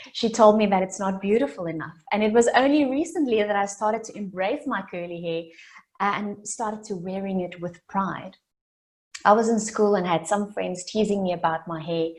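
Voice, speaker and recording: A woman from South Africa, late twenties, speaks at medium pitch. Afrikaans is her first language, and her motivational keynote at the summit is sincere, relying on deliberate repetition to build its story.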